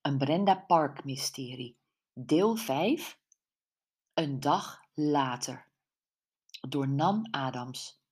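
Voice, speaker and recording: A woman narrating a mystery audiobook in a calm, measured way. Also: extremely low pitch, slightly rough. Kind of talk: scripted narration.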